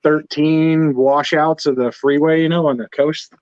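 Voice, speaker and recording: A man joining a casual chat by video call, talking through a muffled, underwater-sounding laptop mic in a relaxed, rambling way. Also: on the high side, measured pace, a little hiss or hum. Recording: dull, dry lo-fi laptop mic over a call.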